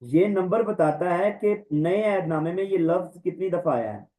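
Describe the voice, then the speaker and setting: A man teaching a Greek language class online, repeating each word slowly and carefully for the students. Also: sits high, dark tone, low-quality recording. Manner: slow, drawn-out word-by-word pronunciation drills. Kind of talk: online lecture. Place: online class, voice over slides.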